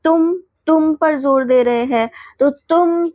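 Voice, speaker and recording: A woman teacher going quickly through exam revision points, listing definitions and checking in with the class as she goes. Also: high voice, no echo, muffled recording.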